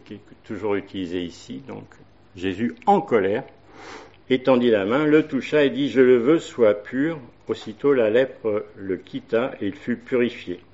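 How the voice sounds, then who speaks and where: A man's voice: lowish voice, a little mellow, dull audio. A man preaching a sermon, hesitating often with fillers and reading Bible verses aloud.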